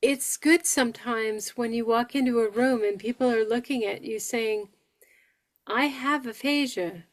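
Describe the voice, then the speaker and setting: A woman from New York State with aphasia speaks as a guest at a support group, sharing her personal experience. Her voice is a little high, and she talks slowly and deliberately, pronouncing each word carefully.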